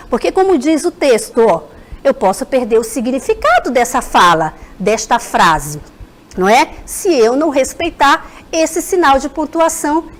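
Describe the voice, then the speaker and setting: Lively high-voiced Brazilian woman teacher. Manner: animated, keeps addressing the children directly. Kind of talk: televised school lesson for children.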